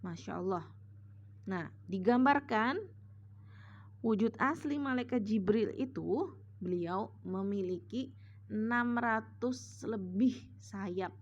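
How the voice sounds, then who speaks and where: A woman's voice: medium pitch, slow, pauses often. A woman religious teacher telling a story as a lesson, patiently, step by step. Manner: patient, retelling step by step with "nah" and "sama". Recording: dull lo-fi recording with faint hum.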